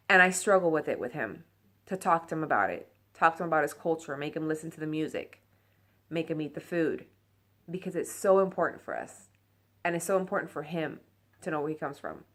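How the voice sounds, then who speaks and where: Fired-up Puerto Rican woman, lowish voice. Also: a bit bright. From Puerto Rico. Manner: passionate, blunt and exasperated, mixing in Spanish. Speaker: vlogger. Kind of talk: unscripted personal rant to camera.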